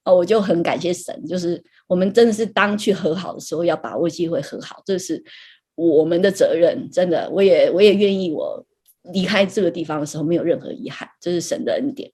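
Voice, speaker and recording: Husky-voiced woman telling her faith story. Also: on the low side, brisk, dark tone. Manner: chatty storytelling, frequent light laughs and tag particles. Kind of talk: conversational personal testimony.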